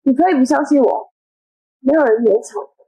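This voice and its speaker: Actress for a controlled, vengeful young woman; high voice, quiet menace. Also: natural voice, rough recording. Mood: cold. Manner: measured, coolly threatening. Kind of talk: short web drama acting.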